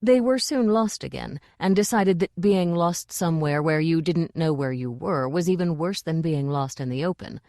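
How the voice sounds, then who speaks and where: A woman narrating an audiobook in a measured, dry reading style. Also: sits low, darkish tone, no echo. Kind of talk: scripted narration.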